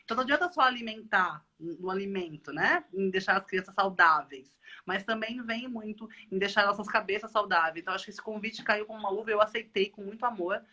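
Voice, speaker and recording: A Brazilian woman hosting a casual online chat, lively and thinking aloud as she talks. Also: mid-range voice, fast talker. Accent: Brazilian Portuguese. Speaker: live stream host. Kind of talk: casual video-call chat.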